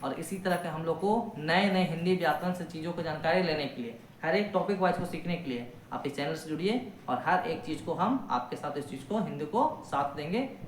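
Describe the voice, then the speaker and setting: A man's voice: fairly high pitch, a little hiss or hum. Echoey Hindi grammar teacher, man. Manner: explains step by step, asks the class questions; colloquial, folksy sayings, reads examples slowly. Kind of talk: online grammar lesson.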